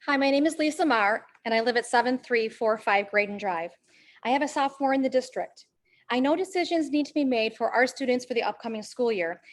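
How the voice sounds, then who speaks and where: A woman with a fairly high voice reads a prepared statement at a school board meeting. She speaks as a parent and a teacher, measured in pace, and slows down to lean on the words she wants to stress. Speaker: parent and teacher at public comment. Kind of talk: prepared public comment statement.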